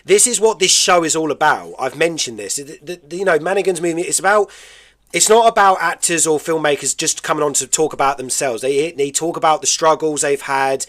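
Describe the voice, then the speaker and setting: A British man hosting a radio movie-music show, talking with eager, chatty enthusiasm and frequent laughter. His voice sits a little high for a man. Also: brisk, a bit bright. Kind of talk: radio interview chat.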